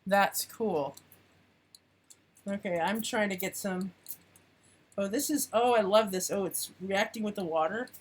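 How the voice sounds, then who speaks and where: A woman's voice: mid-range voice, measured pace, long pauses. A woman chatting casually on a live stream as she crafts, thinking aloud and trailing off mid-sentence.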